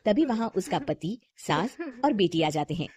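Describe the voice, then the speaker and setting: A woman narrating a moral storybook tale in a soft, calm voice. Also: on the low side, moderate pace.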